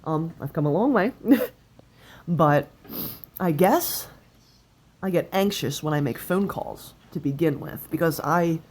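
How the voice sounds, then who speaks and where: A woman of twenty-eight talking confessionally in halting, broken-up phrases, with an occasional stutter. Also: low-pitched, animated, a little mellow, slightly rough. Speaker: person sharing experience of stuttering in a video. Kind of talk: personal confessional talk. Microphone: cell phone. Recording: noisy cell phone recording.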